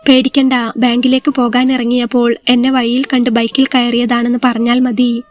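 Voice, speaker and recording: A woman voicing a gentle, consoling young husband. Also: on the high side, completely flat delivery, normal speed, faint music behind, close to an everyday voice. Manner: soft, reassuring.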